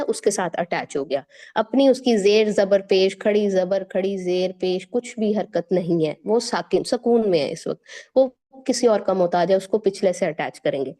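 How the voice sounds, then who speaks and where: Woman tutor going over recitation rules, warm low-key voice, checks in w students a lot. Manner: patient, slows and stretches words to demonstrate; explains step by step and checks in with listeners. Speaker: Quran recitation teacher. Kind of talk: tajweed lesson, explaining and demonstrating.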